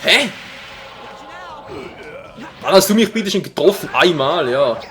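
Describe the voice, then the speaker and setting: Excitable high-voiced male gamer. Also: slow pace, faint music behind. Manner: excitable, jokey, prone to sudden shouts. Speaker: let's play commentator. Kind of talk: live gameplay commentary.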